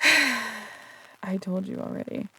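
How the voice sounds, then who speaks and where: In an intimate roleplay audio drama, a performer plays a flirtatious, teasing phantom thief, sounding breathy and coy with casual, earnest turns. The mid-range voice is sharp and exaggerated and moves slowly. The mood feels earnest and pressing.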